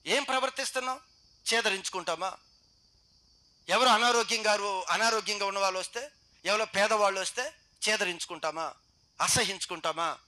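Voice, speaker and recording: A man with a Telugu accent preaching a sermon to a youth meeting, exhorting with rapid rhetorical questions and swinging between loud and quiet. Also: sits high. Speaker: pastor.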